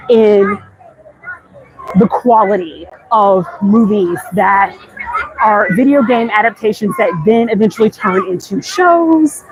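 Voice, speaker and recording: On a chatty outdoor livestream, an American woman wanders a busy theme park and talks conversationally to her audience. Her pitch is fairly high, the audio is poor, and the park's ambient noise surrounds her.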